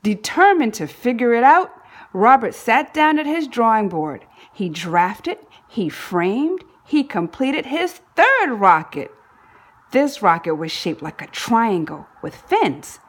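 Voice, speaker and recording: A woman reads a storybook aloud slowly and with animation, her voice fairly high. It's expressive narration meant for children.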